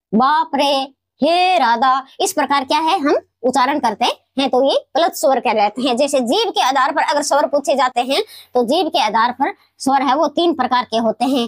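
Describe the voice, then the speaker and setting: A woman teacher explaining grammar in a classroom lesson, repeating key words slowly and answering her own questions. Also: high-pitched, dry recording. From Rajasthan, India. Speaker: Hindi teacher.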